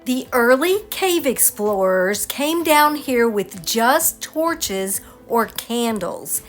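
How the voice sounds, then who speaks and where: Slow, lively woman narrating over music. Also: a little high. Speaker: travel vlogger and narrator. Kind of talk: scripted travel narration.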